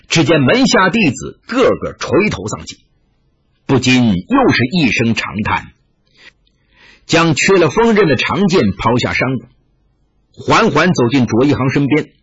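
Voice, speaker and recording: A man narrating a martial-arts tale with dramatic, animated delivery. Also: a little high, unhurried, long pauses, husky. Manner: animated, rising and falling with the action. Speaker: storyteller. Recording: muffled lo-fi recording.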